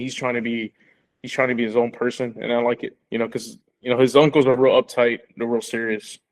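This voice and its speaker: A man co-hosting a casual sports podcast, restarting his sentences and laughing between points. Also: medium pitch. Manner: halting, repeats words, laughs often.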